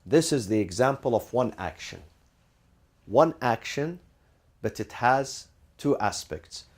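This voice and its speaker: A man lectures a classroom in an expressive mid-range voice, taking his time. He poses rhetorical questions, answers them himself, repeats key phrases, and mixes in Arabic legal terms.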